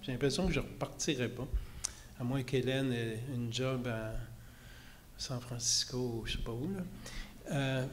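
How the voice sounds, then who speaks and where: A man in his sixties talks on a conference stage into a handheld mic, at a middle pitch. He rambles and hesitates often, with self-deprecating asides, and a faint noise sits under the voice. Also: normal speed. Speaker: pediatrician and panel speaker. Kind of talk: panel conversation.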